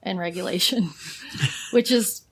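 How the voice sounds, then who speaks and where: A woman's voice: medium pitch, unhurried, breathy edge. Chatty woman scientist, podcast guest. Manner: chatty, fillers of "like", frequent laughter. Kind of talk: casual chat.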